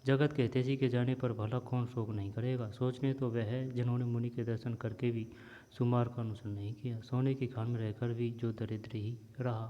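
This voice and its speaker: A man reading a textbook story aloud as a teacher, pausing now and then to explain words. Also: medium pitch, little pitch movement. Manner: reads steadily, pauses to explain words. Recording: dull lo-fi sound with long reverb.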